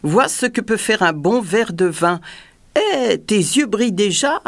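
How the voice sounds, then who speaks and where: A woman's voice: mid-range voice, lively intonation, a little slow. A woman voicing a cruel, jeering tyrant king who bellows and mocks in an audiobook reading. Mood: mocking. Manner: bellowing and mocking. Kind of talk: audiobook character voice.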